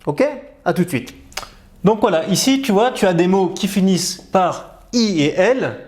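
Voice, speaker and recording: High-voiced man teaching reading, playful. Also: expressive, darkish tone. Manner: slow, drawn-out model pronunciations; playful, teasing asides. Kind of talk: bilingual reading lesson.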